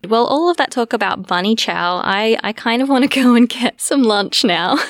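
A woman hosting a podcast, chatting casually and laughing easily, then reading the closing credits in a steady voice. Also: a little high, normal speed, no room sound, clean studio sound. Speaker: podcast host. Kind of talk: casual chat and scripted outro.

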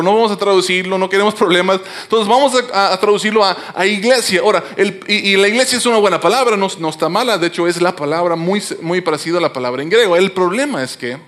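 A man's voice: high voice, a bit bright. A man preaching a sermon in a conversational, explanatory way, often restarting his words. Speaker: pastor.

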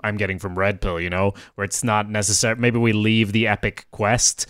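A man whose first language is Swedish muses through a casual story brainstorm, relaxed but hesitant and full of fillers. His voice is lowish and his pace moderate, captured in a dry, studio-quality recording.

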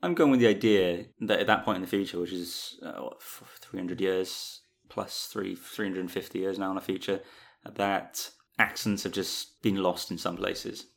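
Dry, teasing man with a deep voice. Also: fairly even intonation, normal speed, creaky, few pauses. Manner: wry and teasing, with dry interjections. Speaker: podcast co-host. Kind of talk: casual chat.

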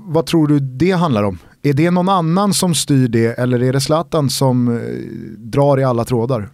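A man's voice: mid-range voice, a little mellow, no echo, studio quality. A man hosting a podcast who asks his guest direct questions. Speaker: podcast host. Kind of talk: interview conversation.

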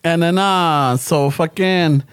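Rambling man, slightly high-pitched. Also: clean tone, no room sound, clean studio sound. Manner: rambling, halting, profane. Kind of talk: casual podcast chat.

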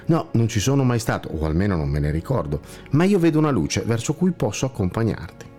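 A man voicing a gentle, kindly blind monk with a slightly ironic touch, who guides a companion with calm reassurance in a storybook tale. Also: lowish voice, fairly quick, soft background music.

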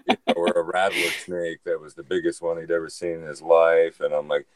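A man's voice: deep voice, monotone, fairly quick, a crowd in the background. A man talking as a podcast guest about his hiking trip, telling stories in a loose, rambling way full of "you know". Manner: rambling storyteller, many "you know" fillers. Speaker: podcast guest, thru-hiker. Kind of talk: casual chat.

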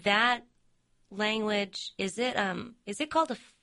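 A woman interviewer chatting casually, with lots of quick "you know" asides and animated backchannel responses. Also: mid-range voice. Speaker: interviewer, host.

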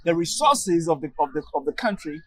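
A man's voice: on the high side, big pitch swings, fairly quick, dry recording. A man from Togo with a Togolese accent, talking casually as an interview guest in an emphatic way, often repeating words and checking in with "right?". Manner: emphatic, repeats words, tags phrases with "right?" and "you know". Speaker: podcast guest, public speaking group organizer.

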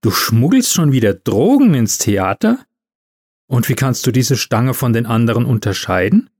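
A man's voice: mid-range voice, sing-song, normal speed, a little mellow, husky. A man voicing a laid-back young male elf artist with an easygoing, wry way of talking. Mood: exasperated.

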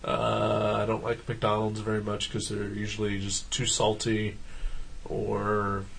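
A man's voice: fairly low pitch, completely flat delivery, unhurried, gravelly, a bit bright, a little hiss or hum. A man co-hosting a casual comic podcast, rambling with lots of ums and restarts. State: asthmatic. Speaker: podcast co-host.

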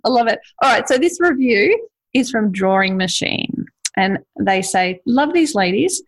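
Female podcast host, broad Ocker Australian accent, husky voice, chatty and informal, casual conversational read. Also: a little high, lively intonation. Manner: chatty, informal, quick to laugh.

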